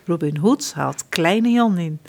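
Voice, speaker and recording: A woman reading a children's storybook aloud, expressive and hushed at times. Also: lowish voice, slow pace, gravelly.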